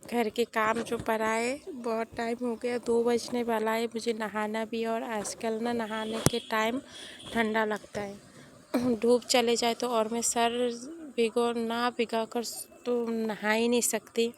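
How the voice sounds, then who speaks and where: A young woman talks through her household chores in a relaxed voice-over, her throat a little hoarse and her voice sleepy. She sits a bit high in pitch and stays fairly flat, rambling on in a chatty, confiding way, with faint noise underneath. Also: measured pace. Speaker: vlogger. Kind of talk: casual voice-over narration of daily chores.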